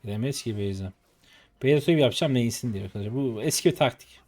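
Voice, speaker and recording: A man's voice: mid-range voice, fast, darkish tone. Young male game streamer from Turkey, exasperated live commentary, grumbling with flare-ups. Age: 20s. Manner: exasperated, frustrated muttering and outbursts.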